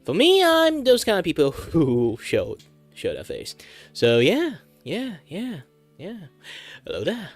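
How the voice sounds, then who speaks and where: Man, livestream host, animated anime-streamer delivery, casual chat, music in the background. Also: high-pitched, takes it slowly.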